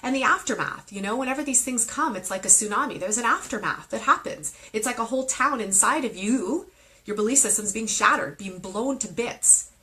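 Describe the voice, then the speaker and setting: A woman's voice: a little high, expressive, brisk, sharp tone, poor audio. A woman in her thirties giving an earnest, emotional spiritual talk on a live video stream, then leading a guided meditation. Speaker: meditation teacher. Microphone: phone or webcam on a live video stream.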